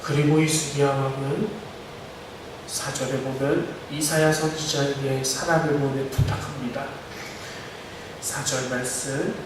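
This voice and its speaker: A man's voice: mid-range voice, little pitch movement, measured pace, noisy background. A man preaching a sermon as a pastor, earnest, with passages of impassioned prayer, recorded in a church sanctuary. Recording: roomy echo from a distance.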